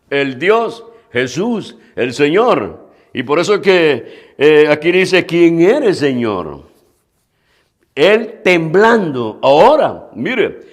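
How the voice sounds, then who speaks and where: A male pastor preaching a sermon, speaking earnestly and directly to the congregation, repeating phrases and restarting lines as he goes. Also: on the high side.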